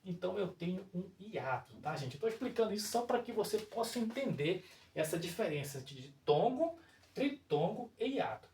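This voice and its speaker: With a sing-song, slightly mellow voice and a Brazilian Portuguese accent, a teacher takes viewers through a whiteboard grammar lesson at a moderate pace, explaining each step and often checking that they follow. Recorded far from the mic, the voice carries a roomy echo plus slight background noise.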